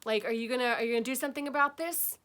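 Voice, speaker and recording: Woman healing teacher, casual spiritual talk, bright and a bit high-pitched, chatty check-ins. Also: very fast. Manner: chatty, keeps checking in with "okay?" and "right?".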